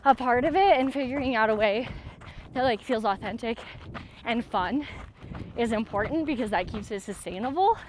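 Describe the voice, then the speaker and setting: A woman's voice: a little high, expressive, moderate pace, background noise. A woman talking casually while running outdoors, in an informal, hesitant way full of fillers. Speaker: athlete and vlog host. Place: outdoors, on a run.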